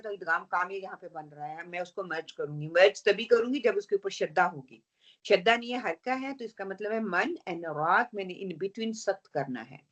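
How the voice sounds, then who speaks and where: A woman teaching Quran recitation rules in an online lesson, explaining patiently, checking in with her students, and slowly reciting example verses. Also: medium pitch. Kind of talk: online tajweed lesson, mixing Urdu and English.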